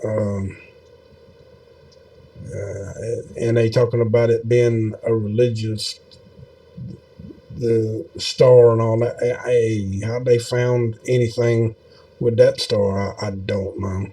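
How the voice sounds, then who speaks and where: Man, low-pitched, warm mellow tone, folksy and rambling. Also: level tone, takes it slowly, long pauses. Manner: folksy, meandering, with many fillers. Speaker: video host. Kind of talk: casual rambling commentary over a map.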